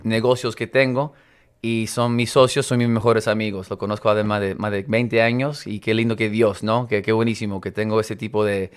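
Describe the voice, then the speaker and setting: A man raised in Miami speaks as a guest on a radio show. His voice sits a little low, and his manner is relaxed and friendly as he mixes English and Spanish mid-sentence. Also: normal speed, smooth. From United States, raised in Miami. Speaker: guest, real estate mentor. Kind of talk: bilingual casual interview.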